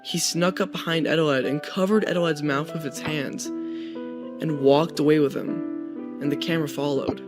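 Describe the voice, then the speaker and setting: A young man's slightly high voice carries a scripted, first-person spooky tale at a moderate pace and with a steady tone. Guitar music runs clearly underneath.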